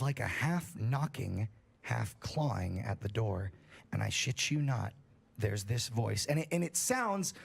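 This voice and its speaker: On a livestream, a man reads a horror story aloud, casual and profane, his pitch climbing whenever the story gets tense. His voice is creaky with a breathy edge.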